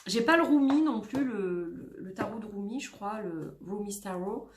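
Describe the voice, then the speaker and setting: A woman's voice: mid-range voice, normal speed, slight background noise. Chatty French woman in an echoey room. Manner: chatty, rambling with many fillers and self-corrections. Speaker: tarot vlogger. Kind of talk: casual chat showing tarot decks.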